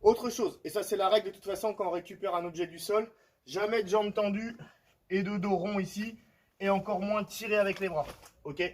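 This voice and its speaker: A man's voice: high voice, fairly even intonation, normal speed, darkish tone, slight background noise, rough recording. A man, a fitness coach, explaining and demonstrating home workout exercises, often checking in with his listeners. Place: outdoor terrace at home.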